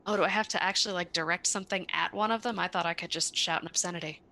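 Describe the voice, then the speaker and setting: A woman's voice: on the low side, fairly even intonation, racing, creaky, sharp tone. A woman player in a tabletop game, joking and a little flustered in casual chat. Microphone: online call mic.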